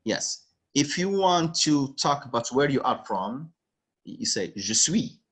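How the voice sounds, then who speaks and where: A man from Morocco with a Moroccan accent tutoring French over a video call, patiently repeating words slowly. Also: mid-range voice, very animated, a bit bright, breathy edge. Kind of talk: online one-on-one language lesson.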